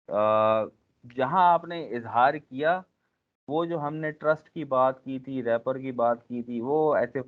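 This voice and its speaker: Low-voiced man lecturing on a tinny recording. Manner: frequent filler pauses, addresses class directly. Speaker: instructor. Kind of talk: classroom lecture.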